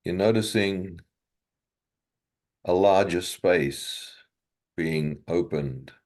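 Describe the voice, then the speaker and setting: A man guides a meditation gently and without hurry, with long silences between brief phrases. His voice is low.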